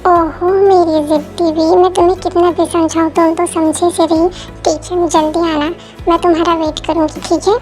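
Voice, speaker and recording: A woman's voice: very high voice, flat delivery, moderate pace, darkish tone, faint music behind. A woman voicing a protective young woman who fusses over her friend, in an amateur dubbed story. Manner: doting, chiding.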